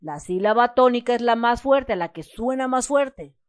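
A woman's voice: a little high, expressive, normal speed, no echo. A woman with a Mexican Spanish accent explains a schoolbook exercise step by step, patiently stressing syllables as she reads example words. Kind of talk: step-by-step homework lesson.

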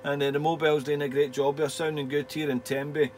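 Male radio operator, friendly and chatty with radio procedure talk, slightly high pitch, light static hum. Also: flat delivery, brisk, a little mellow. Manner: friendly, chatty, uses call signs and radio jargon. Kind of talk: casual two-way radio contact chat. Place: indoor home radio shack.

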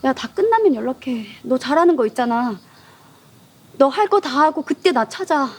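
An actress playing a frustrated young woman, a college senior, arguing with her younger boyfriend in a web drama; she speaks in a sharp, accusing way. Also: sits high, animated, normal speed. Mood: angry, hurt. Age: young adult.

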